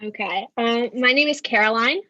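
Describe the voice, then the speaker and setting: A young woman from New Hampshire on a casual video call panel, joking and relaxed. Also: a little high, normal speed, slight background noise. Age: young adult. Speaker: student panelist. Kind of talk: casual livestream Q&A. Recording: dull, dry lo-fi call audio.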